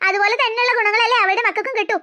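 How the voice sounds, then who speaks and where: A woman's voice: very high voice, fairly even intonation, racing, pushed and bright. A woman voicing a greedy, spiteful old grandmother in a cartoon, gossiping and scheming over family money.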